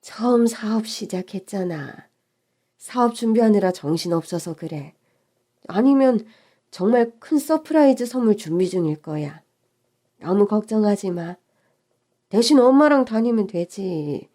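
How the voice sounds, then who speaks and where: A woman voicing a doting middle-aged mother who talks slowly and reassuringly in an audio story. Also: medium pitch, expressive. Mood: soothing. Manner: slow, gentle and reassuring.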